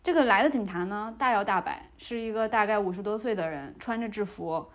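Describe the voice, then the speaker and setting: A woman's voice: mid-range voice, fairly quick. A young woman, a podcast host, telling a story in casual chat and acting out the dialogue as she goes. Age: young adult. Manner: lively retelling, playing out the dialogue.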